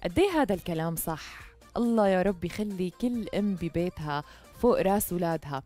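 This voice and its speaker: Mellow young Jordanian woman hosting. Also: fairly low pitch, lively intonation, a little fast, soft background music. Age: young adult. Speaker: talk show host. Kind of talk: conversational studio monologue. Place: TV studio, indoors. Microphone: headset.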